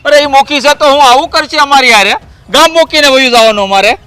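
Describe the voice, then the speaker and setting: A man's voice: high-pitched, fairly quick, bright, forceful tone, dry recording. An actor playing an indignant man defending his insulted sister, who talks in an aggrieved, heated way. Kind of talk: village family stage drama.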